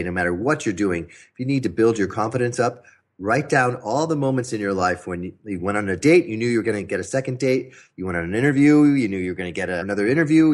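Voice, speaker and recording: A man speaking as a guest on an interview show, coaching entrepreneurs on pitching through energetic, emphatic storytelling.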